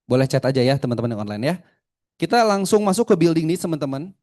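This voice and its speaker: Animated male sales trainer. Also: fast talker. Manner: animated, with big swings in pitch and loudness; keeps asking the audience questions. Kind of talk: live training seminar talk.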